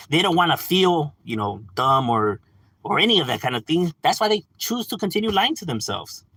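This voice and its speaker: His voice sits on the high side and sounds husky, captured dry. Running a livestream, the man makes his case in a lively, combative way, calling his audience "bro," laughing often, and dropping "you know" throughout.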